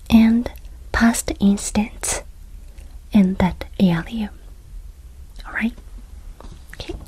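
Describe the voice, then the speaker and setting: A Japanese woman with a Japanese accent hosts an ASMR channel, whispering every word in a very breathy, airy voice. She speaks slowly and gently, with a reassuring manner toward the listener. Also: a little high, no room sound, low-quality recording. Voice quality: soft whisper throughout. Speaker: host. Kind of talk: whispered ASMR travel tips.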